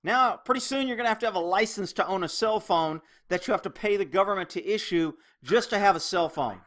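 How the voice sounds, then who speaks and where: A man's voice: high-pitched, animated, brisk, fairly bright tone. A man delivering an opinionated news commentary rant as a host, sarcastic, exasperated and indignant. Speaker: host of a political commentary show.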